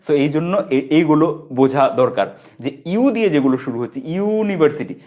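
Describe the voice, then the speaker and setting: A man teaching an English grammar lesson in a relaxed, informal way, with a Bengali accent, patiently repeating example words and often checking in with "okay". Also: on the high side, fairly quick.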